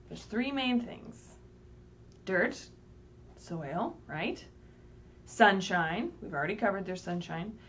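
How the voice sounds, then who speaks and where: A woman with a slightly high voice leads story time for young children, reading a picture book aloud in a sing-song way. She explains patiently in simple words, asks the listeners lots of questions and checks in with "right?". The livestream has a distant mic and faint background noise.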